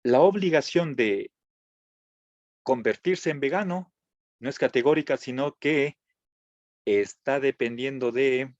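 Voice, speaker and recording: A man teaching a philosophy class, pausing to check in with his students and restarting phrases as he goes. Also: medium pitch, darkish tone, no room sound. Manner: checks in with frequent "¿sí?", halting restarts. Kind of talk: classroom lecture. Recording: dull lo-fi dry recording.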